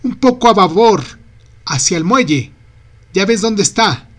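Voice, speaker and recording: A gruff young sailor barking commands in a high, strained voice, words crackling with rough impatience, as a husky-voiced man acts him out. He calls from the deck of a storybook boat, curt and forceful. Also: lively intonation, normal speed. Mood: shouting orders. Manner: shouts orders, curses.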